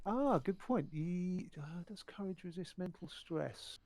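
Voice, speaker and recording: A man running a tabletop roleplaying game as game master, speaking haltingly with pauses mid-sentence. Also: high voice, animated, a little mellow.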